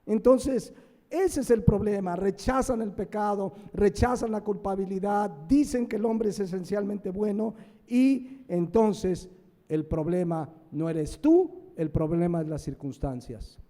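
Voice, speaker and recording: A man's voice: high-pitched, unhurried, mellow, big-room sound. A man with a Mexican Spanish accent preaching a sermon. He is emphatic and asks questions that he answers himself. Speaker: pastor. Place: church sanctuary.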